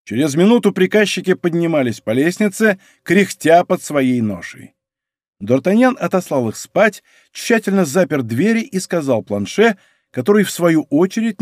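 A man narrating a historical adventure novel in expressive scripted storytelling. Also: a little high, moderate pace, no echo, studio quality. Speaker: audiobook narrator.

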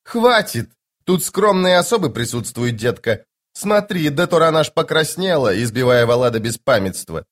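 A man voicing a sharp-tongued, tough female corporal in an audiobook, scolding and sarcastic. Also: mid-range voice, big pitch swings, moderate pace, lightly acted. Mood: commanding. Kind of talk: audiobook character voice.

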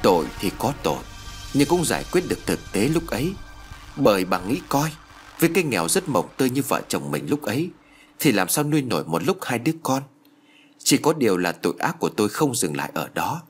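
A man voicing a remorseful old peasant father who confesses in a trembling, halting way. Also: mid-range voice, sing-song, slightly rough, soft background music.

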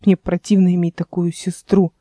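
A woman's voice: on the low side, flat delivery, normal speed, mellow, dry recording, clean studio sound, lightly acted. Woman voicing an indignant betrayed younger brother. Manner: indignant, bitter. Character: trusting, hurt half-blood younger brother, man.

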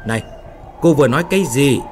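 A man doing a gruff, bullying foreman. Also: mid-range voice, animated, brisk, a bit bright, soft background music, close to an everyday voice. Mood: angry. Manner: gruff and barking. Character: hot-tempered, bullying male foreman.

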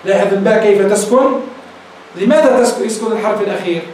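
A sheikh teaching a grammar lesson, asking rhetorical questions and repeating his examples slowly, addressing his listeners as beloved ones. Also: high voice, darkish tone. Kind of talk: classroom grammar lecture. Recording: very echoey room, voice from a distance, faint noise.

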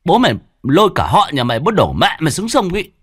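A man voicing a blunt, coarse middle-aged exorcist who talks in quick, brusque retorts. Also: lowish voice, very animated, no echo, studio quality. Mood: furious.

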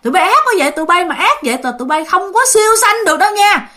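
A woman with a Southern Vietnamese accent voicing a feisty, quick-tempered young woman selling sticky rice in a ghost story. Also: on the high side. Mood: angry. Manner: lively, exclamatory.

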